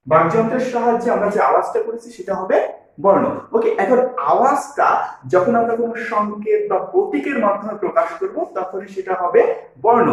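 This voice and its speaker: A man teaching a grammar lesson to students, repeating key phrases slowly as he writes them out. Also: high-pitched. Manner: repeats key phrases while writing on board. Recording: very echoey room.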